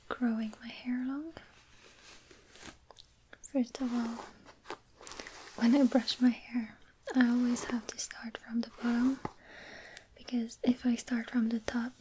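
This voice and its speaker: Young woman, soft ASMR whisper, unhurried, dark mellow tone, faint hiss behind. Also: a little high, poor audio. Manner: slow, soft, intimate whispering. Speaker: ASMR creator.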